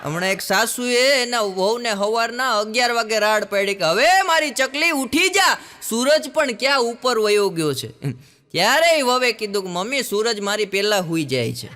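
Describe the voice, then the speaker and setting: Bright, high-voiced Kathiawari comedian. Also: male voice, moderate pace. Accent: Kathiawari Gujarati. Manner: lively storyteller, putting on other people's voices. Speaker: stand-up comedian. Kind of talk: Gujarati stand-up joke telling.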